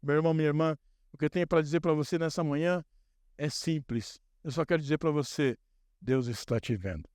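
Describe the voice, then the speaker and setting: Male pastor, repetitive build-up preaching, clear resonant tone, dry sound. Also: on the high side, quick pace, a little mellow, no echo. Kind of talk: sermon.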